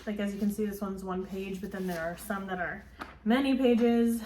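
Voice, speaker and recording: A woman's voice: medium pitch, fairly even intonation, moderate pace, mellow, a little hiss or hum. Woman chatting in an echoey phone video. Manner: chatty and rambling, with frequent ums and likes. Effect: filmed as a phone video. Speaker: book vlogger. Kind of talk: casual book haul chat. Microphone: phone camera. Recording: roomy phone recording, faint ambience.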